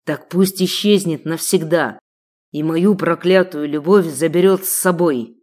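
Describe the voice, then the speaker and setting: A woman voicing a jealous, possessive male sheikh who growls his lines, menacing and loud. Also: on the low side, measured pace, lightly acted.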